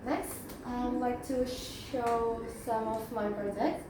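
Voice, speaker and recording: A young woman with an Indonesian accent gives a class presentation as a student, speaking in a fairly high voice. Her delivery is halting, full of fillers, self-corrections, and pauses where she restarts. She sounds far from the mic, in a very echoey room with constant background noise.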